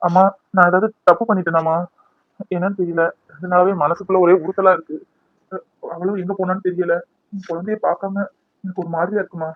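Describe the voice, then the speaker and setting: A man's voice: high voice, flat delivery, brisk, pauses often, no echo, phone-quality sound, natural voice. A man voicing a devoted grown son in a cartoon, pleading and reassuring his mother. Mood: troubled. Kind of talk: cartoon voice acting.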